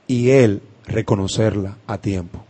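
A man preaching a sermon, impassioned, swinging from loud declarations to hushed words with emphatic pauses. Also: lowish voice, fairly even intonation.

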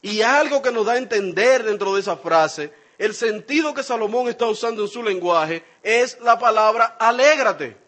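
A man delivers a sermon in a fairly high voice. He speaks straight to his congregation in an animated way, slipping into different voices when he quotes people. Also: normal speed, few pauses. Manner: animated, acts out quoted speech with shifting voices; addresses the congregation directly. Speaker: preacher.

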